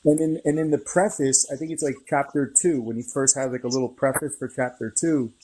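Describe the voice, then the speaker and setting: A man's voice: medium pitch, steady tone, fairly quick, warm tone, a little hiss or hum, low-quality recording. A man on a live stream making an eager, repetitive point in casual chat.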